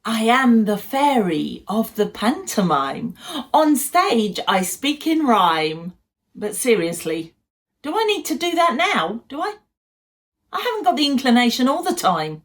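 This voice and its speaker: Here is a sulky pantomime fairy. The voice is high and swoops about theatrically. Grand delivery gives way to petulance. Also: female voice, very animated, measured pace. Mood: grand, petulant. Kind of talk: comic monologue in a family pantomime.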